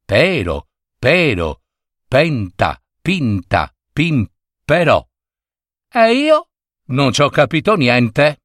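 Slow, expressive male storyteller. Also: mid-range voice, no room sound, clean studio sound. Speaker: narrator. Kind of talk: storybook reading.

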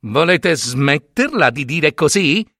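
A man's voice: on the high side, sing-song, slow, pushed and bright, no room sound, studio quality, full character voice. A man doing a haughty vain weaver girl. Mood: angry. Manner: haughty, scornful. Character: vain, arrogant young female weaver.

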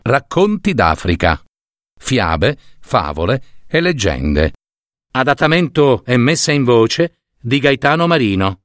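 A man's voice: medium pitch, very animated, slow pace, a bit bright, no echo, faint music behind. A man narrating a fairy tale in a theatrical way, lingering on words. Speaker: storyteller.

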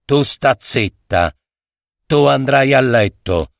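A man voicing a rich old peasant farmer and poet, rough and stern in manner, in a dry, slow audiobook reading. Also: low-pitched, dry recording, pitched below the performer's own voice. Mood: harsh.

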